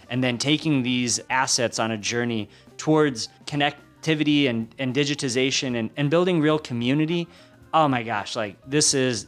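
A man's voice: medium pitch, fairly bright tone. A man hosting a podcast interview in casual, effusive, informal chat.

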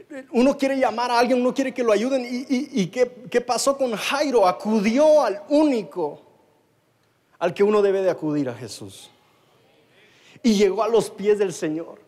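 A man's voice: sits high, normal speed, long pauses, darkish tone. A man in his thirties with a Guatemalan accent, preaching a story-driven sermon to a live congregation and the online audience, often repeating and restarting words. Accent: Guatemalan Spanish. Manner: storytelling, with many repetitions and restarts.

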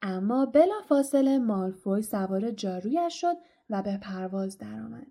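A woman narrating a children's fantasy audiobook in an expressive storytelling manner. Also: mid-range voice, gravelly. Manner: expressive storytelling, voicing characters.

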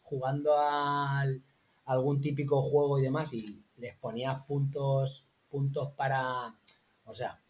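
Man, interview guest, lively anecdote teller in relaxed chat. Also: takes it slowly. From Spain. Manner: animated anecdotes, acts out quotes in high voices. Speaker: interview guest, former teacher in Morocco. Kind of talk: casual conversational storytelling.

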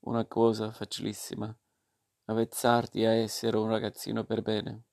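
A stern yet kindly fairy mother lecturing patiently, as a man reads her. The voice is low-key and gravelly, and it stays flat and even through each admonition in this storybook reading. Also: moderate pace. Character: kind but stern fairy mother, female.

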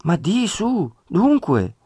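An excitable, anxious old peasant mother, put on by a male reader in a storybook reading. The voice rides higher than the reader's own and leaps about eagerly. The sound is dry and close. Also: husky, no echo, heavily acted. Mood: alarmed. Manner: excited, pleading, quick to exclaim.

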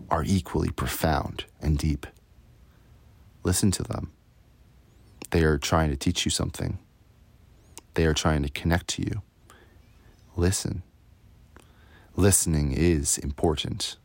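A man's voice: sits low, creaky, no room sound. A man leading a guided meditation as host, speaking solemnly in short, emphatic, repeated phrases. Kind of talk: guided meditation, spiritual monologue. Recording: loud music under the voice. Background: loud instrumental music.

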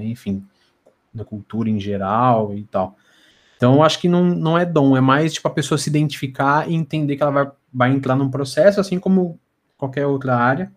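Male podcast guest, Brazilian accent, conversational, lisping with slushy s sounds, stutters and repeats himself. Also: medium pitch. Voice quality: tongue-tied lisp with slushy s. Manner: stammering, repeats words and syllables.

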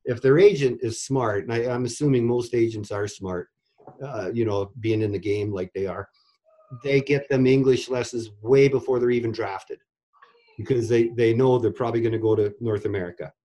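A middle-aged man who used to coach goalies shares stories in a relaxed interview, his mid-range voice mellow and his speed normal. He rambles, often repeating words as he begins sentences anew.

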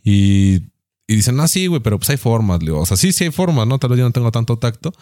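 A man's voice: medium pitch, very animated, dark tone, no room sound, clean studio sound. A young man with a Mexican accent in a casual, blunt and slangy chat, teasing his friends. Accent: Mexican Spanish. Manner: blunt, slangy and profane, quick to mock friends.

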